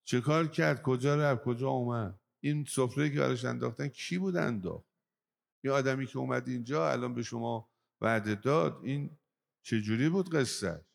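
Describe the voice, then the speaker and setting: Male preacher for a sermon read: gravelly, middle pitch, emphatic, pushes his voice up on the big points. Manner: emphatic, voice rising on key points; tells moral stories to the listeners. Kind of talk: religious sermon.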